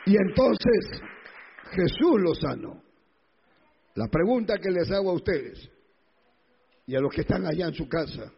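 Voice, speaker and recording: A male pastor preaches with emphatic repetition and rhetorical questions. His voice is high, gravelly and husky. It is recorded in a church hall with a long echo and dull, lo-fi sound. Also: sing-song, unhurried, pauses often. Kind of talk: sermon.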